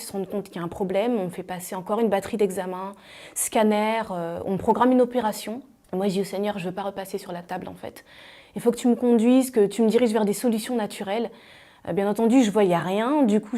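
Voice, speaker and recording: A woman giving an earnest personal faith testimony, speaking haltingly with frequent fillers. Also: mid-range voice, mellow.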